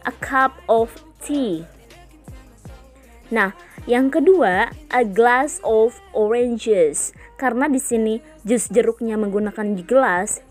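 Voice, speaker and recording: A woman teacher with an Indonesian accent, patiently explaining an English lesson to young children and repeating each phrase slowly. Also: a little high.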